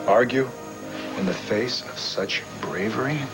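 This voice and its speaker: A determined, deep-voiced husband. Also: male voice, measured pace, poor audio. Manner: determined, affectionate. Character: devoted husband planning a rescue, determined. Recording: old TV soap with loud music score.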